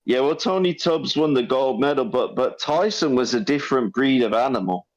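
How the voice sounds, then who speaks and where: A man's voice: medium pitch, expressive, normal speed, no echo, dull audio. A man, arguing insistently in a casual boxing chat and ending lines with "bro". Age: 50s. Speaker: podcast caller.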